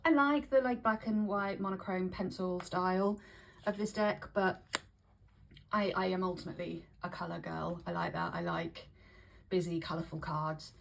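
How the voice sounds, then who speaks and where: A woman vlogger chatting casually to camera, breathy and a little short of breath with hay fever, often restarting and repeating her phrases. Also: on the low side, steady tone, moderate pace, a little hiss or hum. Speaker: vlogger showing tarot decks.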